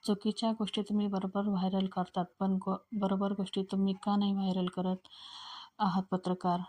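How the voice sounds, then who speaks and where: A woman reading the part of a composed young wife who answers reporters with firm sarcasm, in her own flat voice. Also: medium pitch, a little fast, a little hiss or hum, close to an everyday voice. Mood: defiant.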